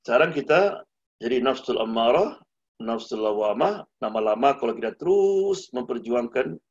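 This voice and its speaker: A male preacher with a gravelly, husky voice tells a story and gives a lesson. He acts out each character as he goes. The sound is dull and lo-fi, as a video call usually is. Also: medium pitch, normal speed. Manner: animated storyteller acting out voices. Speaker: Islamic preacher.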